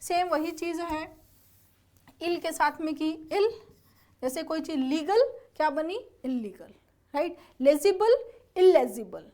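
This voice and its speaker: This exam-prep English teacher has a high, animated voice with a darkish tone, speaking slowly and pausing often. She breaks words down step by step, spells them out letter by letter, and keeps checking her students understand.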